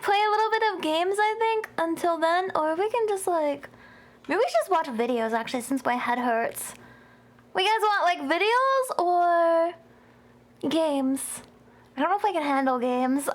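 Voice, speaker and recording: A woman's voice: very high-pitched, fairly bright tone. A young woman streamer chatting casually with her chat, giggly and a bit tired, with a headache.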